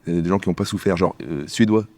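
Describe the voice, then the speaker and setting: Fast low-voiced man in a sketch. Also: darkish tone, dry recording. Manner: quick, bickering back-and-forth between two characters. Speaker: sketch comedian. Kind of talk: comedy sketch dialogue.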